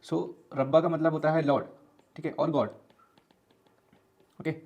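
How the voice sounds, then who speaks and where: A man teaching an online lesson in a slightly high voice. He explains patiently and circles back over each point, and he slips English words into his talk. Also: steady tone, vocal fry, darkish tone. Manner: explains slowly with many repeats and fillers; recites scripture slowly and melodically.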